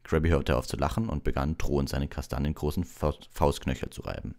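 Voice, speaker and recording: A man reading an audiobook aloud as calm, relaxed bedtime storytelling. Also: a bass voice, fairly quick. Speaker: audiobook narrator.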